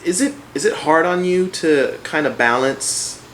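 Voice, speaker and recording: Halting male interviewer. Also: a little high, fairly bright tone, a little hiss or hum, low-quality recording. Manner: halting questions with many fillers. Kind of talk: casual interview questions.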